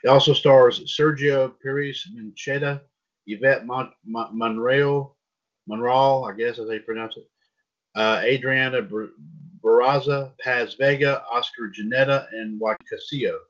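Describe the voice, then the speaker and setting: Reading pop culture headlines on his casual podcast, a man keeps fumbling names. His voice is medium-pitched and fairly bright, with fairly even intonation and a moderate pace. The sound is dull and lo-fi.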